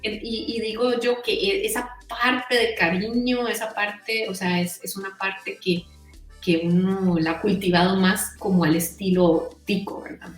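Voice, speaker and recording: A middle-aged woman from Costa Rica chats casually as a guest in an interview, sprinkling her speech with "o sea" and "¿verdad?". Her voice is medium-pitched, steady and unhurried, captured on a distant mic in a reverberant space with faint music in the background.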